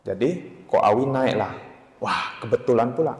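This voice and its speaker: A man's voice: medium pitch, normal speed. A man giving a Buddhist dharma talk in a meditation centre hall, in a chatty, anecdotal way, acting out the voices of the people in his story. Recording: echoey hall with long reverb.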